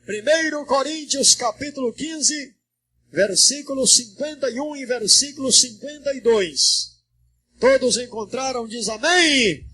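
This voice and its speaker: High, bright Brazilian pastor preaching. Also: male voice, breathy edge. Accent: Brazilian Portuguese. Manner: preaching that builds to shouting, rhythmic and sing-song; calls to the congregation to respond. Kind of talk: Pentecostal sermon. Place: church hall with a congregation. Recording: 1992 church recording.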